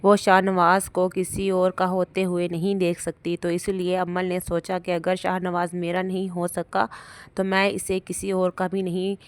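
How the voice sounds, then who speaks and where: A woman's voice: lowish voice, completely flat delivery, clean tone, dry recording. A woman hosting a drama review channel, steadily retelling an episode's plot. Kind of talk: plot recap narration.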